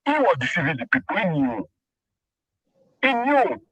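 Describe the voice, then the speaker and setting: A high-pitched Nigerian caller with huge pitch swings and a slightly bright tone speaks at moderate pace in heated call-in commentary. The dry recording is muffled, coming from a phone on speaker. He pushes his points emphatically, repeating himself and restarting sentences.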